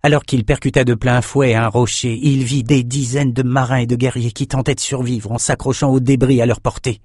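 A man reading a fantasy novel aloud as an audiobook narrator, in a steady, measured way. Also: mid-range voice, slightly rough, dry recording, studio quality. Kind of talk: scripted narration.

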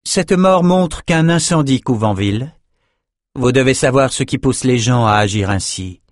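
A man's voice: on the low side, moderate pace, no echo, clean studio sound, close to an everyday voice. A man voicing an earnest, determined young woman adventurer in an audiobook, persuasive in tone. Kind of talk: audiobook character voice.

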